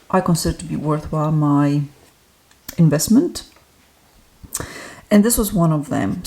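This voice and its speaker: A relaxed, chatty woman with a slightly low-pitched voice, reviewing a card deck for her channel. She talks in a loose, easygoing way, filling pauses with ums and small laughs. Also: creaky. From Australia. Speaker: tarot reader and deck reviewer. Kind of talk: casual solo review talk.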